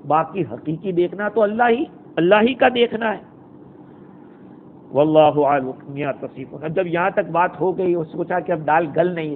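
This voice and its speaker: A man recites Arabic verses and then unpacks them in a storytelling lecture. His voice sits high, and the recording is thin and phone-like with a faint hiss. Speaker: Islamic scholar giving Quran commentary. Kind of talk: Quran exegesis lecture.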